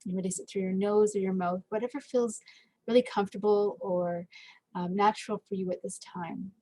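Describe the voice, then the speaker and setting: A woman leading a guided meditation in a gentle, unhurried way, with frequent fillers and pauses. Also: medium pitch, fairly even intonation, poor audio.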